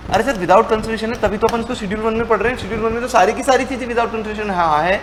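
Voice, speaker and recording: The audio is poor, with a little hiss or hum, as a young man with a high, slightly bright voice speeds through an online tax exam revision lecture. Chatty and playful, he pokes fun at his students while acting out their questions and his own responses.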